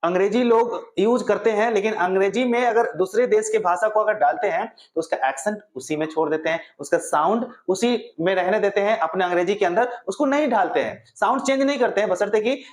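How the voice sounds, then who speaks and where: A man's voice: sits high, fairly quick, hardly any pauses, reverberant. A man teaching pronunciation at a classroom board, asking himself questions and answering them. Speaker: English teacher. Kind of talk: explaining pronunciation to viewers.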